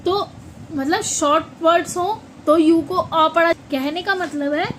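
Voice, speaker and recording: A woman teaches with a very high voice, speaking slowly and saying each word several times before asking it back. Faint noise hums underneath. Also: a bit bright, low-quality recording. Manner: slow, repeats words and asks questions back. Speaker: English pronunciation teacher. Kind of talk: classroom-style lesson.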